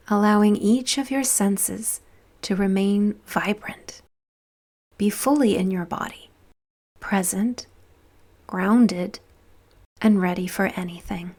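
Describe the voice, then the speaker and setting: Speaking slowly and gently, a mid-range female voice leads listeners through a guided visualization. She soothes with breathy phrase endings and lets long silences stretch between lines.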